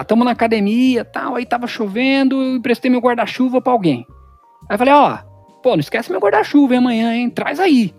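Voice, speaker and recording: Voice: medium pitch, a little mellow. A communication instructor giving an informal lecture. The speaker talks in a casual, slangy way and acts out everyday examples in changed voices.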